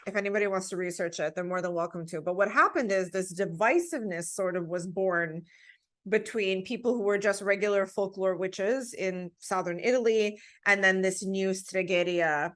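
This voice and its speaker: A woman's voice: mid-range voice, fairly bright tone. A woman with a mid-range voice speaks as an interview guest. She tells personal stories conversationally, with earnest emphasis on her points. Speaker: podcast guest.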